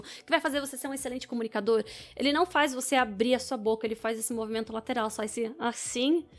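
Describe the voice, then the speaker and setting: A woman with a Brazilian Portuguese accent, a public speaking coach who reads answers aloud and comments on them, swinging between bright emphasis and quiet asides. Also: sits high.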